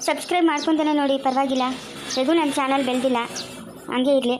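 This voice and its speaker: A woman's voice: high voice, fairly even intonation, fast talker, slight background noise. A woman hosting her own channel, making a resigned, pleading appeal to viewers, with a Kannada accent from the Chikkaballapur region. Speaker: channel host.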